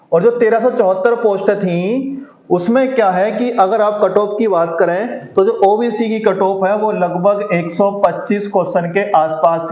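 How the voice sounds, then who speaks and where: In a dull, lo-fi recording with room echo, a high-voiced man with a darkish tone coaches students for an exam. He keeps asking himself rhetorical questions, answering them, and restating the important figures.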